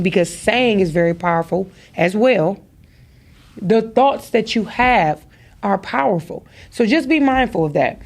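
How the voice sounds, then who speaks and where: Woman doing a motivational talk on her podcast, kinda preachy, keeps hammering the same point over and over. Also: a little high. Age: adult with daughters. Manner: emphatic, repeats phrases for stress; speaks to listeners directly, preacher-like. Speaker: podcast host.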